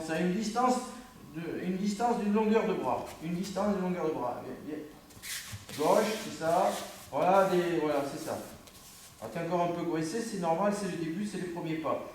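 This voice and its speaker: A man's voice: high-pitched, darkish tone, a little hiss or hum. A man with a French accent coaching a student on a dojo mat, correcting and repeating himself. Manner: corrective, repeats himself, breaks off mid-phrase. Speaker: judo instructor. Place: judo dojo, indoors. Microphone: camera from across the room. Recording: very echoey room recorded from far off.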